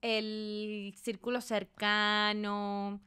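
A woman, a podcast guest, chatting playfully in quick back-and-forth. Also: mid-range voice, flat delivery, pushed and bright, smooth. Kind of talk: casual chat.

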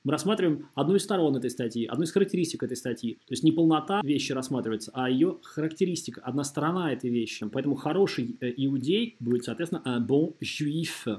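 Fast and with hardly any pauses, a man's expressive, mid-range, slightly mellow voice narrates a French lesson on a screen recording. He teaches didactically, carefully stretching model phrases syllable by syllable to show pronunciation.

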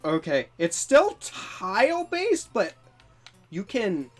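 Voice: medium pitch, huge pitch swings, slow. A gamer chatting casually through a let's play, reading bits of on-screen text and adding amused asides. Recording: faint music behind. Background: video game music.

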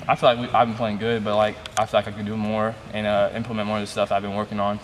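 A young man in his late teens, a high school basketball player, answering interview questions casually and often saying like. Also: steady tone, fast talker, in a large hall.

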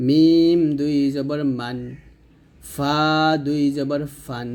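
A man with a Bangladeshi Bengali accent and a fairly high voice, teaching a recitation lesson. He talks briskly, naming each letter and mark before sounding it out. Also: steady tone, dark tone. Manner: brisk, spells letters then sounds them out. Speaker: Quran reading teacher.

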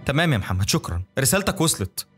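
A man's voice: medium pitch, big pitch swings, racing, faint music behind, pitched above the performer's own voice, close to an everyday voice. A man voicing a frightened, resentful young wife in a storytelling video, with an Egyptian accent. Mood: cold. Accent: Egyptian Arabic.

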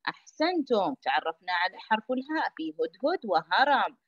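A woman, a kindergarten teacher giving a lesson to young children. She speaks slowly and clearly and repeats each phrase. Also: mid-range voice, big pitch swings, no room sound, dull audio.

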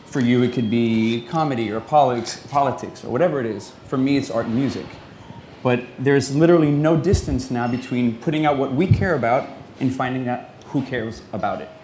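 A young man from New York City giving a personal talk to an audience in an earnest, conversational and excited way. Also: medium pitch, a little fast, a little hiss or hum. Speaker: conference speaker.

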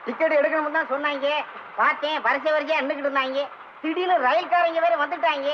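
A man's voice: very high-pitched, steady tone, fast talker. An actor playing a simple-minded village man without a ticket who rambles in a plain, bewildered way, heard on a dull old film soundtrack with hiss.

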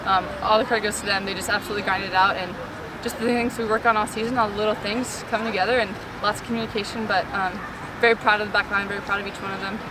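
A woman's voice: medium pitch, little pitch movement, rapid-fire, recorded from a distance, noisy background. A young woman, a college goalkeeper, giving eager postgame answers with repeated phrases, outdoors at a field at night. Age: young adult.

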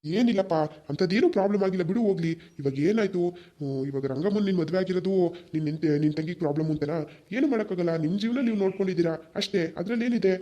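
A man voicing an older male elder who calmly consoles a worried brother in a village drama. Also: high-pitched, quick pace, lightly acted. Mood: consoling. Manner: consoling, fatherly. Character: older male elder called Baba, reassuring.

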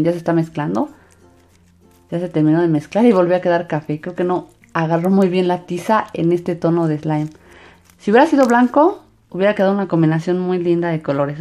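Sing-song woman, soft mellow tone, music behind. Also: on the low side. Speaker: host of a slime craft channel. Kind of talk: hands-on craft narration for children. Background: background music.

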